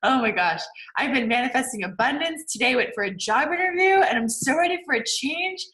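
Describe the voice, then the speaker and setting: A woman in her forties teaching a live class as a manifesting coach, chatty, laughing often and acting out quotes with big jumps in pitch. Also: lively intonation, fairly quick, sharp tone, reverberant, a little hiss or hum, poor audio. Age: 40s. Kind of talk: live-streamed class talk.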